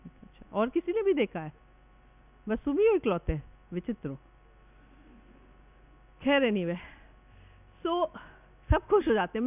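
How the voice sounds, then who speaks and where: Woman lecturer in her 50s, Indian English accent, teasing and chatty with students, switching between two languages; thin, phone-like sound. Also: fairly high pitch. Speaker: medical college lecturer. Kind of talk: classroom lecture. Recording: tinny phone-like recording.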